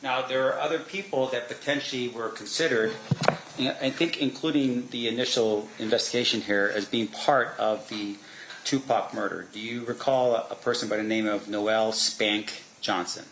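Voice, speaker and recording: A man's voice: mid-range voice, fairly even intonation, a bit bright. Guy lawyer doing a cross examination, stop-start probing questions, echoey room, bit of noise. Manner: halting, probing leading questions. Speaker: attorney cross-examining a witness. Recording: roomy echo, faint background noise.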